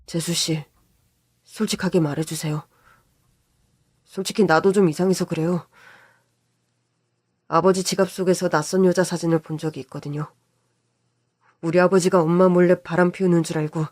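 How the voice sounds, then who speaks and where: A woman voicing a distressed middle-aged brother-in-law who pleads earnestly in a low voice. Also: steady tone, moderate pace, pauses often, darkish tone, close to an everyday voice. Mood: pleading.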